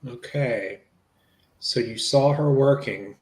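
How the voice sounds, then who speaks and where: Reading the role of a police interviewer in a dramatic transcript, this man asks conversational, matter-of-fact questions in a probing mood. His voice is mid-range, natural and a little mellow, and he takes it slowly.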